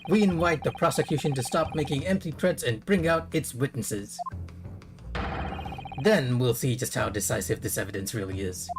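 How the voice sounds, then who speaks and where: Streamer doing a dramatic young male lawyer, steady pitch, game music. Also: moderate pace, natural voice. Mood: defiant. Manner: firm, dramatic. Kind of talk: fan voiceover of a game.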